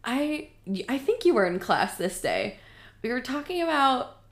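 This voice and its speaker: A woman's voice: high-pitched, sing-song, unhurried. A woman in her twenties co-hosting a casual chat, talking in a chatty way with lots of filler words and frequent laughs. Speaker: podcast co-host. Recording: echoey room.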